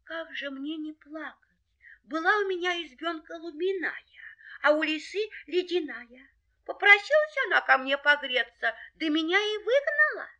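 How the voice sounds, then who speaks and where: A pitiful little hare boy sobs out his story in a high, tearful, whimpering voice, as a woman storyteller puts him on. His pitch jumps far above her own, and his words come in a wailing sing-song. A storybook figure, small and helpless. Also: big pitch swings, moderate pace, bright, forceful tone, full character voice. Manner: repeats his lament in a crying sing-song.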